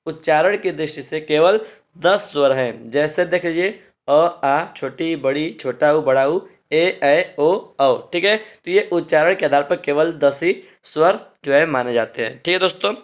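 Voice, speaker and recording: A man gives a grammar lecture in a voice pitched a little above the usual for men. He explains patiently and goes over each point twice. He keeps checking in with his viewers and stretches out the sounds he is demonstrating. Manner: repeats points, constant check-ins with "ठीक है ना" and "दोस्तों"; stretches vowels slowly when demonstrating them. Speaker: teacher.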